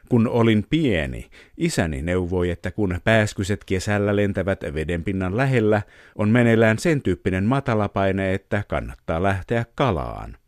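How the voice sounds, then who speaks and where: A man hosting a radio program, narrating a scripted piece in a measured storytelling way and then interviewing a guest. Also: fairly low pitch, no echo, studio quality. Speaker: radio host.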